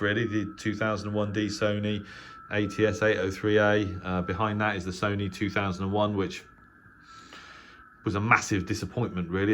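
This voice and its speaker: A middle-aged Englishman, a shortwave radio hobbyist who hosts a channel, gives a casual, unscripted tour of his radio shack in a small spare bedroom. His voice is fairly low and a bit bright, and he speaks hesitantly, rambling as he goes. The home room recording is clearly noisy.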